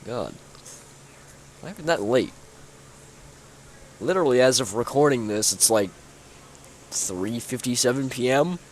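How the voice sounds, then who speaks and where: Speaking a little slowly and pausing often, this young man has a medium-pitched voice with slight background noise. He's a sleepy, yawning gaming YouTuber casually touring his own build, his walkthrough loose and full of fillers and restarts.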